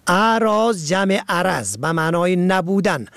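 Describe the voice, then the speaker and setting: A man reads a vocabulary and usage lesson, measured and precise, spelling words out letter by letter. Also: sits high, lively intonation, fairly bright tone, no echo. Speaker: language teacher.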